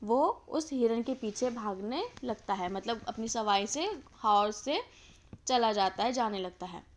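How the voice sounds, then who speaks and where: A woman teacher explaining a textbook story, reading each English line slowly and then explaining it in everyday speech. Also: a little high.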